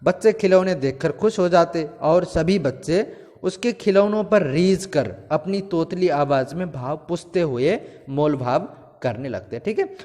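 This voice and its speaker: A man teaching a class, walking through a story step by step, glossing hard words and often pausing to check in. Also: a little high, expressive, mellow. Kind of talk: explaining a textbook story to students. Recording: long hall reverb.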